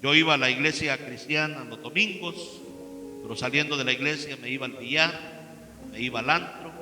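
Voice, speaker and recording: A man with a Mexican accent giving an impassioned church testimony, swinging between hushed and loud. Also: mid-range voice, a little fast, music in the background. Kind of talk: preaching testimony. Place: church hall. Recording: long church-hall reverb.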